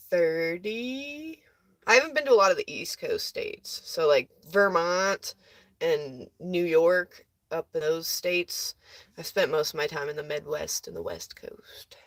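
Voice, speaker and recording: A woman's voice: lowish voice, lively intonation, slow pace, dry recording. Young woman on a live stream, tired and rambly, voice jumps all over, dry close sound. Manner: tired, rambling, chatty with laughs and swearing. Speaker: livestreamer. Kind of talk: casual livestream chat with viewers.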